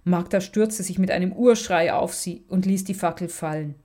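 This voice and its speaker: Woman reading a story aloud, lowish warm voice, steady pace. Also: moderate pace. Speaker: narrator. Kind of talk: scripted storybook narration.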